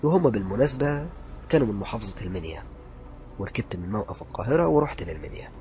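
A man with an Egyptian accent narrating a horror story in a dramatic way, dropping to a hush at tense moments. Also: on the low side, lively intonation, racing, muffled recording, slight background noise. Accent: Egyptian Arabic.

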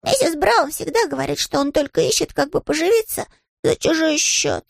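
A man voicing a small, polite young male bear who is earnest and naive, in a squeaky, innocent way. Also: lively intonation, moderate pace, creaky, no room sound, clean studio sound, heavily acted.

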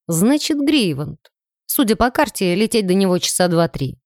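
A woman voicing a calm, confident young male mage in a dry-sounding audiobook reading, speaking lower and steadily. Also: normal speed, no echo, lightly acted.

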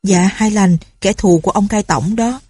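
A sly old informer wheedles and protests his innocence, as a woman reader puts him on. The tone is husky and mellow. It sounds dry and close. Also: medium pitch, normal speed, no echo, close to an everyday voice. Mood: protesting. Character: sly scheming older male informer.

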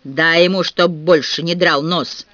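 A man's voice: sits high, animated, unhurried, a bit bright, no room sound. Crude jeering lout played by a man, growled, rowdy delivery, dry lo-fi audiobook. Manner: rough growling jeers. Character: coarse jeering male onlooker, gleeful and crude.

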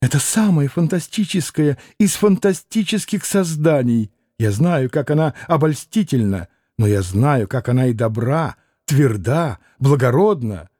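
A man's voice: mid-range voice, animated, unhurried, few pauses, warm tone, no echo, clean studio sound. A man reading an audiobook voices a proud, anguished young noblewoman who pleads and exclaims passionately. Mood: fervent. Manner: impassioned, pleading, rising to exclamations.

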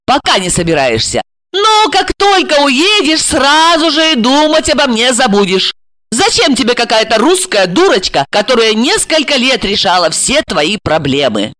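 A woman's voice: high-pitched, big pitch swings, moderate pace, fairly bright tone, voice pushed up. A woman reading an audiobook and voicing a stormy, jealous young woman who mocks and interrogates her friend. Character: fiery, jealous young woman, sharp-tongued.

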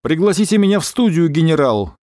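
A man voicing an angry, defiant pilot who is shouting accusations down a phone line. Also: a little high, expressive, moderate pace, dry recording, studio quality, voice pushed up, lightly acted. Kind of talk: audiobook character voice.

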